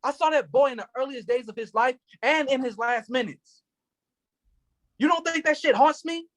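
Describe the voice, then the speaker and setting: In a staged play reading, an actor voices a police officer who is anguished and furious as he grieves his cousin, delivering the lines with intense passion. His voice is very high-pitched and fairly bright, at a normal speed.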